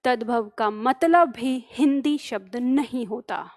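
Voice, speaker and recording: A woman teaches grammar for competitive exams. Her voice sits high. She explains patiently, builds each point from small examples and keeps checking her students understand. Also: slow, darkish tone. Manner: addresses students as "बालक", asks questions and checks understanding; explains with worked examples, repeating key phrases. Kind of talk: exam-prep grammar lesson.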